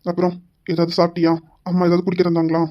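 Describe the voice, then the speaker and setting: A woman's voice: on the low side, completely flat delivery, fast talker, dull audio, close to an everyday voice. A woman voicing a stern young husband who is a police officer, firm and lecturing, in an amateur family drama. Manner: firm, lecturing, shouts for his wife.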